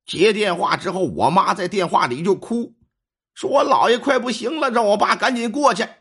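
A man telling a ghost story in a colloquial, animated way. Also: high-pitched, normal speed, slightly rough.

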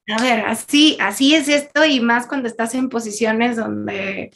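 A woman's voice: a little high, creaky, a bit bright, a little hiss or hum. A woman, a guest in an interview, telling a personal story in an earnest, candid way with frequent laughs and fillers.

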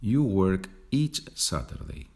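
A man hosting a podcast lesson, patiently explaining Spanish phrases in English and repeating them slowly. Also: fairly low pitch, sing-song, mellow, husky. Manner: slow, patient, explains with small laughs and repeats. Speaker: Spanish teacher, podcast host. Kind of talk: slow bilingual language lesson.

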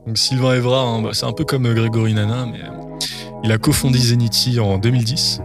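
A man's voice: mid-range voice, flat delivery, brisk. A man, hosting a casual podcast. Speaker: podcast host. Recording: prominent music behind the voice.

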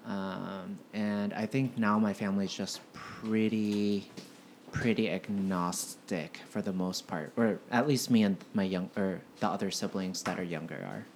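A man's voice: low voice, fairly even intonation, unhurried, darkish tone, a little hiss or hum. A man in his twenties from the United States, a guest in a casual podcast conversation, talking hesitantly with many "um" and "like" fillers. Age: 20s.

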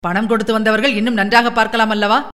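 Woman doing a loud, blunt village farmer. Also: a little high, little pitch movement, quick pace, lightly acted. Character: plain-spoken adult male village farmer.

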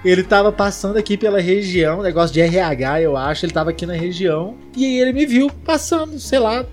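A relaxed Brazilian man trades slangy jokes on a podcast and laughs easily. Soft music plays faintly behind him. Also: sits high, quick pace. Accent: Brazilian Portuguese. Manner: laid-back slangy banter, laughs often. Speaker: podcast co-host. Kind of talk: casual podcast chat.

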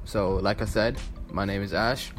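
Rambling young man, lowish voice. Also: steady tone, moderate pace, soft background music. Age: 20s. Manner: rambling, filler-heavy, restarts often. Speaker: vlogger. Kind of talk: casual talk to camera.

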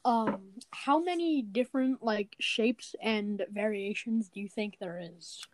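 A teenage girl hosting a casual chat, talking with frequent fillers and pauses. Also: medium pitch, slight background noise, rough recording. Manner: chatty, hesitant with fillers. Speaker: podcast host.

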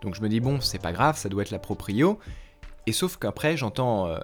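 Animated French storyteller man. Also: lowish voice, moderate pace, faint music behind. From France. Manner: animated, slangy, acts out quoted lines. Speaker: language vlogger. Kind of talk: casual storytelling.

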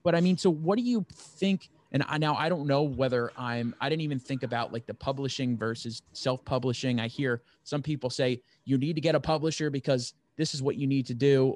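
In a dry recording, a twentysomething podcast host who is writing for the first time asks for advice in a relaxed chat. He talks briskly with few pauses in a medium-pitched voice. He comes across as earnest and rambling.

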